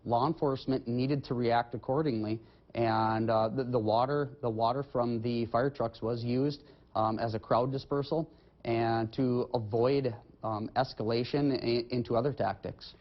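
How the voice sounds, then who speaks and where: Male police officer in a TV interview, steady and official; dull audio. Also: mid-range voice, normal speed. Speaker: highway patrol lieutenant. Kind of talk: remote TV interview.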